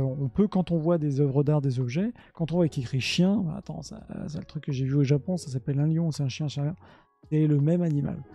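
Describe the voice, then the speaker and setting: A man's voice: on the high side, mellow, no echo. A man talking casually on a live stream about Japanese art, hesitant with many fillers and restarts.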